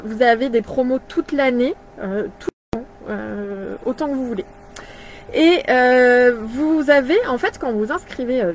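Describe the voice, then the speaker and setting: A woman in her thirties chatting casually on a live video, pausing often with fillers and restarting her sentences. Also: on the high side, slight background noise. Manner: hesitant, many fillers and restarts. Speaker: brand partner presenting products.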